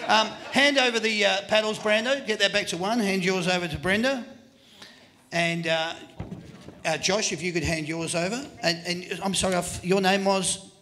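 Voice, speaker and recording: An Australian man hosting a live quiz at a venue, energetic and joking as he hurries contestants along. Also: high-pitched, moderate pace. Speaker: quiz host on a live footy panel show.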